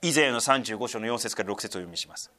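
Male pastor, conversational sermon delivery, animated pitch, relaxed explanatory tone. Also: very fast. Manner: conversational, explains scripture with asides and fillers.

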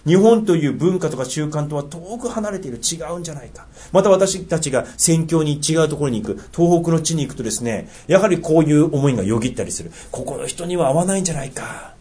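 A middle-aged man with a Tohoku accent preaching a sermon, earnest, asking rhetorical questions and dropping into soft asides. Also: a little high, animated, fast, few pauses, slightly rough. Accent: Tohoku dialect. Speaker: pastor.

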